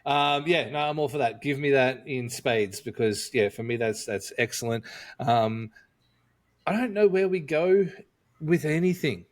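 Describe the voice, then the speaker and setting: A man co-hosting a podcast in a loose, jokey way. He thinks out loud and leans on fillers like "um" and "you know" as he works through his point. His voice sits at an ordinary middle pitch for a man. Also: animated, measured pace. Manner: chatty and jokey, thinking aloud with frequent fillers. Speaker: podcast co-host. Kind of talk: casual podcast chat.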